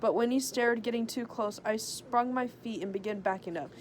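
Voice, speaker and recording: A woman's voice: fairly high pitch, normal speed, slight background noise. A woman reading a story aloud as a joke, stumbling over words and giggling. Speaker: reader of a story. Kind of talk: joking read-aloud of fan fiction.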